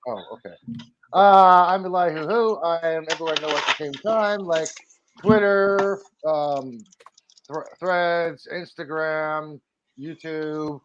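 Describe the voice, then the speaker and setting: A man's voice: on the high side, steady tone, slow pace, a bit bright, muffled recording, slight background noise. A stoned man chatting casually on a panel in a laid-back stoner manner. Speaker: round table panelist, online creator. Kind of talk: casual group chat.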